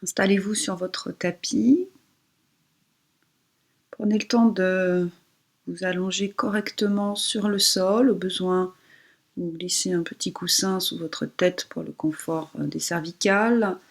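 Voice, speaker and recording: Guiding a relaxation meditation, a female yoga instructor speaks in a soft, breathy voice of fairly low pitch and fairly even intonation. She gives calming, unhurried instructions and pauses often.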